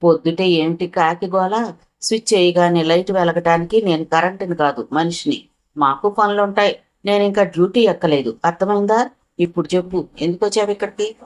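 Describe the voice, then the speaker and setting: A woman's voice: lowish voice, a little fast, lightly acted. A woman voicing a young man who works as a driver, evasive and teasing in a dry way. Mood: irritated.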